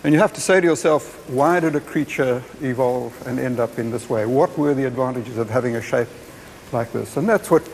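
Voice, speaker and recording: A man's voice: medium pitch, a little fast, poor audio. A man giving an unscripted expert explanation, building it with rhetorical questions and lists. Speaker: giraffe expert. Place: post-mortem room. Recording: faint room noise.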